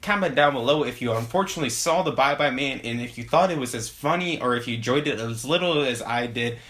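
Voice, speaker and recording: A man's voice: medium pitch, fast, a bit bright. A young man giving a casual video movie review, sarcastic and laughing while he talks.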